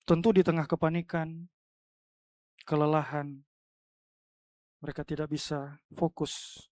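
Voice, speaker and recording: A woman pastor preaching a sermon in church, swinging between loud emphatic cries and soft, hushed lines. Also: low-pitched, little pitch movement, unhurried, no echo, clean studio sound.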